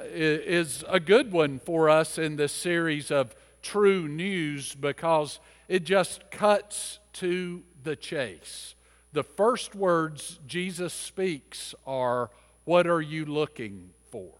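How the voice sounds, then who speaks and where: A slow, deliberate male pastor with a slightly higher than usual voice reads scripture and preaches. His words ring out with a long reverb, as in a church sanctuary. He lingers over each phrase. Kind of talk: scripture reading and sermon.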